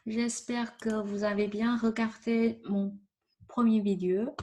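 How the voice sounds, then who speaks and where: A woman's voice: a little high, little pitch movement, a little slow, dark tone, dull audio. A woman teaching a vocabulary lesson over a shared screen, patiently repeating words and often checking with "ok?". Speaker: Chinese teacher.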